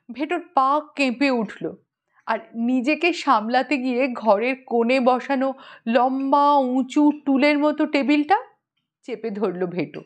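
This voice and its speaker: Slow-reading woman storyteller. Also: high-pitched. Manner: measured, expressive, unhurried. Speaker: audiobook narrator.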